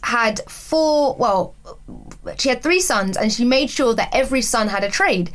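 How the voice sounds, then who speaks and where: A woman's voice: on the high side, unhurried. A woman co-hosting a podcast, talking in a thoughtful, rambling way with fillers and restarts. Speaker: podcast co-host. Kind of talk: casual podcast discussion.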